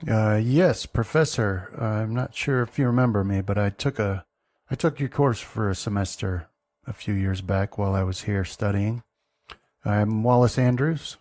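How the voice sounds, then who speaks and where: A man's voice: lowish voice, normal speed, a little mellow, dry recording. A man playing a tabletop game, giving short, casual replies. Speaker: player.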